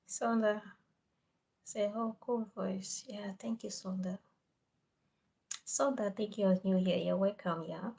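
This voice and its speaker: Woman live streamer, unhurried casual chat, slips into near whispers. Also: mid-range voice, fairly even intonation, creaky, darkish tone. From Cameroon.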